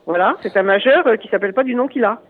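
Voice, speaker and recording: A man from Lyon speaking as a guest on a radio show over a phone line, halting and full of fillers. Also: high voice. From Lyon area, France. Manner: hesitant, halting, many fillers and restarts. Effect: heard over a phone line.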